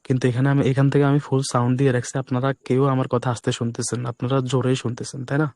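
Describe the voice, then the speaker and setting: A hoarse man runs a live online class at a quick clip, his voice low and soft as if to save it. The sound is dry and close, with no room echo. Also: flat delivery. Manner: speaks deliberately softly to spare his voice. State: hoarse, voice breaking. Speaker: trading instructor.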